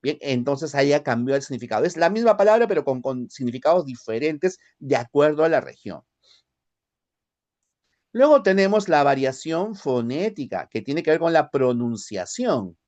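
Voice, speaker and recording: A man from the Peruvian highlands with a Lima accent, lecturing a language class and often checking in with short tag questions. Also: big pitch swings, moderate pace, darkish tone, muffled recording. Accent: Lima Spanish. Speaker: language teacher.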